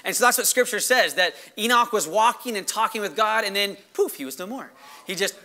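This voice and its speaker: A man preaching as a pastor in a conversational, emphatic way, his voice hoarse and giving out. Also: sits high, expressive, brisk, sharp tone. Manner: conversational, emphatic, checks in with "right?". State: hoarse, losing his voice after yelling. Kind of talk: sermon to a congregation.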